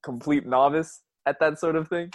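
A man's voice: a little high, fairly even intonation, normal speed, dry recording. A young man co-hosting a podcast, chatting casually, laughing often and swearing freely. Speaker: podcast co-host. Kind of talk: casual chat.

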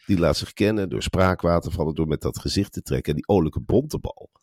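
A very low-voiced man co-hosting a podcast, chatting animatedly and gossiping about politics. He acts out other people's lines as he goes. The sound is dry and close. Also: quick pace, a little mellow, dry recording. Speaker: podcast co-host. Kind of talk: casual political chat.

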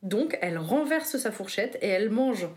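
A woman's voice: mid-range voice, animated, moderate pace, darkish tone. An easygoing woman taking part in a word game in an apartment. She chats casually and spins short anecdotes as she talks. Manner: easygoing, tells little stories. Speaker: game player. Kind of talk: casual chat.

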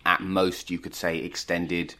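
Deep-voiced man, dry banter. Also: little pitch movement, measured pace, bright, forceful tone. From East London. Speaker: podcast guest. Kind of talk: casual podcast chat.

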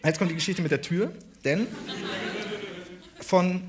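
A man co-hosting a comedy podcast live on stage, telling an animated anecdote with laughter and acted-out voices. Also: high-pitched, unhurried, crowd noise, background noise. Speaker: podcast co-host. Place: on stage before a live audience in a large hall.

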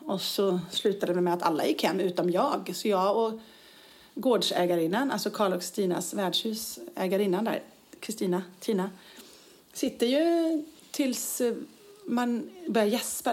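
A woman's voice: medium pitch, a little mellow. A woman co-hosting a casual chat show, telling anecdotes, acting out quotes and laughing often, tired after a busy week. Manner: chatty storyteller, acts out quotes, laughs often. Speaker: podcast co-host.

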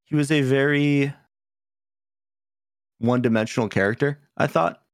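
A man's voice: medium pitch, moderate pace, dry recording, studio quality. A man co-hosting a podcast in casual chat, laughing often and swearing casually. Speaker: podcast co-host.

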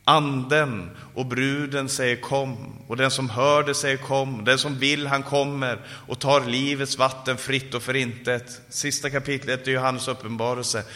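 Fervent preacher in a reverberant hall. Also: male voice, pushed and bright. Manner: fervent, rising to calls and dropping low in prayer. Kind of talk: sermon ending in prayer. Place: conference hall. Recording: live sermon in a reverberant hall.

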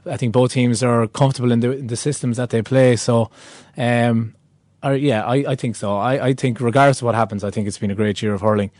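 A man's voice: mid-range voice, steady tone, a little fast, darkish tone, no room sound. A man talking conversationally as a sports pundit.

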